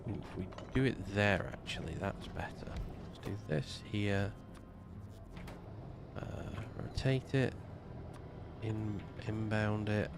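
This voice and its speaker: Slightly congested from a mild cold, this game streamer mutters slowly to himself while working through what he wants to build. His voice is fairly low and creaky, there's noise in the background, and the talk is easygoing play-by-play.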